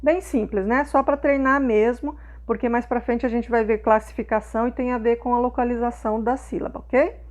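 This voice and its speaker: A woman's voice: a little high, fairly even intonation, a little fast, few pauses, darkish tone. A woman teacher patiently walks young pupils through schoolwork, often checking in with short questions.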